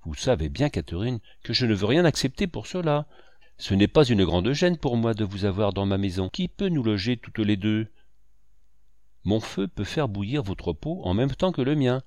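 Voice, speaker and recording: A man's voice: fairly low pitch, sing-song, moderate pace, darkish tone, no room sound. A man doing a kind old village woman. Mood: kindly.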